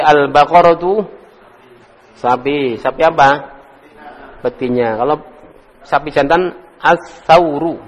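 A man teaching an Arabic class, calling on students by name and drilling words in a casual manner. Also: on the high side. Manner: drills students, calls on them by name, chuckles. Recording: echoey hall.

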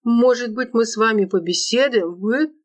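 A woman's voice: a little high, normal speed, voice pushed up, close to an everyday voice. A woman doing a whiny spoiled young man. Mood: pleading. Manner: plaintive, whining. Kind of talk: audiobook narration.

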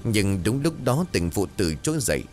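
A man narrating a scripted horror story in a dramatic, expressive way. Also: lowish voice, moderate pace, faint music behind.

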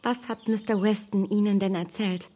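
A woman playing Emma, a self-assured and easily indignant young gentlewoman, in a radio drama of a literary classic, speaking formally and emphatically. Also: medium pitch, fairly even intonation, normal speed, long reverb tail, close to an everyday voice. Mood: uneasy.

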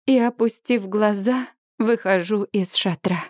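A woman reading a first-person novel aloud with expressive, emotive delivery. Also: mid-range voice, a little slow, no echo, studio quality. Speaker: audiobook narrator.

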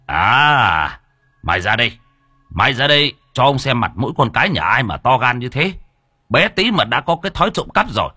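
A man voicing a gruff but soft-hearted middle-aged son with a brusque, scolding manner. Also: low voice, expressive, dry recording, clean studio sound. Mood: angry. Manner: brusque, scolding, quick to bluster.

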